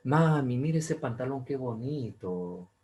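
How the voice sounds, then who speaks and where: A man's voice: medium pitch, expressive, unhurried, warm tone, lightly acted. A man doing a coaxing little girl. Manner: coaxing, sweet, wheedling. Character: pleading young girl asking for a gift.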